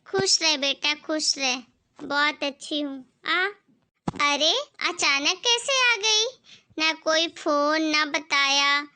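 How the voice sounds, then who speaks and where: A woman's voice: high-pitched, bright, forceful tone, exaggerated voice. Woman doing a stingy, bossy mother-in-law. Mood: fussing. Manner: slow, scolding and dismissive. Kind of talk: amateur family skit acting.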